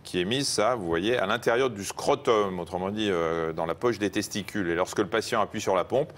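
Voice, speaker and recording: A man's voice: lowish voice, a little fast. A man presenting live news, bantering with a co-presenter and slipping in teasing, colloquial asides.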